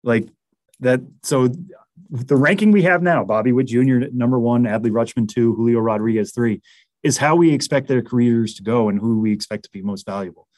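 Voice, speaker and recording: A man's voice: mid-range voice, a little fast, darkish tone, no room sound. A man with a Massachusetts accent, analyzing baseball prospects in a casual interview, chatty with lots of fillers and restarts.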